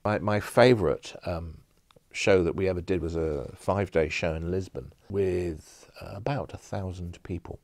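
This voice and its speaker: Man, middle-aged, very deep voice, dry close sound, enthusiastic rambling anecdotes. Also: normal speed, a little mellow, dry recording. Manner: enthusiastic storyteller, rambling with restarts. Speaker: event producer, interview guest. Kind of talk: anecdotal interview storytelling. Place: studio with empty audience chairs.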